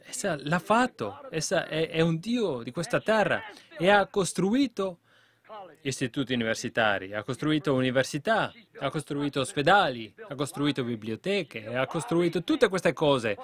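A man preaching a fervent sermon to a congregation, building to loud exhortations. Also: fairly high pitch, very animated, normal speed.

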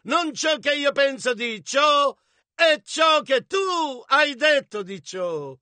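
A man interpreting a sermon phrase by phrase, emphatic and echoing the preacher's shouts. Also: extremely high pitch, expressive, slow.

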